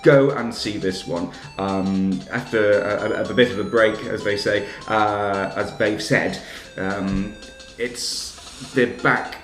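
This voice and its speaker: A man's voice: on the low side, steady tone, takes it slowly, a bit bright, roomy sound, faint music behind. A man giving enthusiastic, self-deprecating spoken reviews of shows in a chatty video. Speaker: theatre reviewer. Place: room with music playing.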